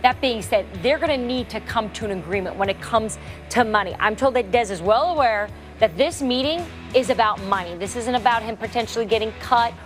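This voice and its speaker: A woman sports reporter sharing insider news on a TV panel in a clear, informed way. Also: fairly high pitch, brisk, soft background music.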